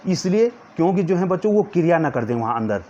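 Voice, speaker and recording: A man teaching a physics lesson to students, slowly dictating notes and pointing at a diagram as he explains. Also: fairly high pitch, very animated, mellow. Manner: calls students "children" in nearly every line, repeats words slowly for dictation. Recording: dull lo-fi sound with faint background noise.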